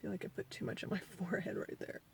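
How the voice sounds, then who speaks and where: A woman in her forties, a beauty vlogger, races through a casual foundation review over a faint hiss or hum. She's chatty and rambling, self-deprecating, a touch sniffly from allergies, and her voice sinks to a mumble while she works the makeup on.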